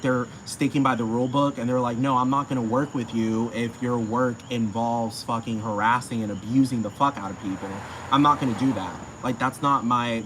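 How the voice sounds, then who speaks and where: A man's voice: medium pitch, slight background noise, poor audio. A man ranting to camera in a casual, profane, heated way, repeating himself.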